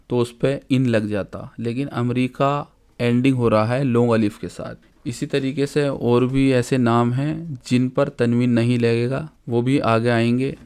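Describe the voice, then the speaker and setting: A man teaching a grammar lesson, reading examples slowly and deliberately and explaining each one. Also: mid-range voice, a little mellow, smooth. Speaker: Arabic teacher.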